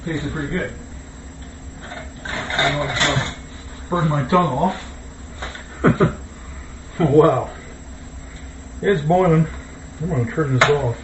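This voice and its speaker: A man's voice: mid-range voice, a little mellow. A man chatting casually as he cooks at home, easygoing and thinking aloud. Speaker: home cook hosting a cooking video. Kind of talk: casual cooking chat. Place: indoors, kitchen. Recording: distant mic, dull, echoey, noisy room.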